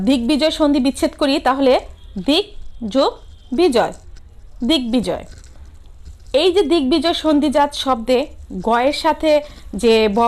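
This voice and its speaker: A middle-aged woman teacher with a Bangladeshi Bengali accent, giving a grammar lesson, asking questions and answering them herself and sounding out words slowly and carefully. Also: high voice. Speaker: school teacher.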